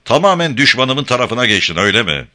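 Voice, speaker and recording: A man reading an audiobook voices a furious, tyrannical father who shouts threats at his daughter. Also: medium pitch, sing-song, fast talker, pitched above the performer's own voice.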